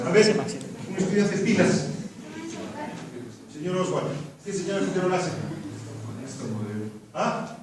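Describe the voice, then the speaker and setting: A man teaching an embryology lab, quizzing students by repeating the same question again and again. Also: sits high. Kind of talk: classroom lecture with questioning. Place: large echoey lab classroom. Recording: echoey classroom from far off, background noise.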